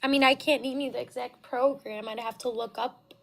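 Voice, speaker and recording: This caller is a woman from the United States in her twenties with a very high, steady voice that has some creak to it. She begins hesitantly in a casual debate and then becomes insistent.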